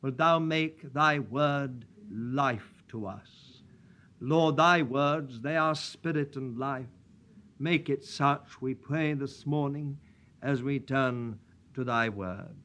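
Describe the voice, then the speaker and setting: A man preaching in a church, praying and reading scripture in a solemn, measured way at a pulpit microphone. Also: mid-range voice, fairly bright tone. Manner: solemn and measured, old-fashioned prayer wording. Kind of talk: sermon with prayer and scripture reading.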